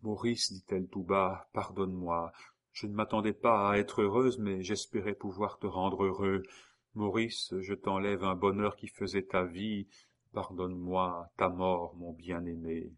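A man's voice: deep voice, little pitch movement, a little slow. A man reading an audiobook and voicing a guilt-ridden young woman who murmurs and begs in despair. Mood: pleading.

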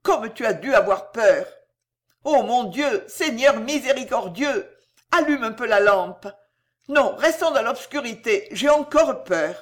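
A woman reading as a frail old grandmother, high shaky voice, slow and pleading, lively swings in pitch. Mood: frightened, tender. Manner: trembling, pleading, breaking into anguished cries. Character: frightened old grandmother, tender and desperate. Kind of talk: audiobook character voice.

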